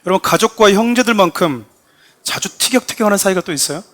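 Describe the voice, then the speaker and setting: A male pastor with a voice pitched a little higher than most men delivers a sermon in church. He talks straight to his congregation and acts out quoted speech with rising emphasis. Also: lively intonation, quick pace, a bit bright. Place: church sanctuary.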